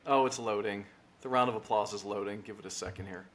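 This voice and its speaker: A man's voice: lowish voice, steady tone, fast, fairly bright tone, slight background noise. A man hosting a podcast interview, chatty and encouraging toward his guest. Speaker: podcast host. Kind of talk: casual interview.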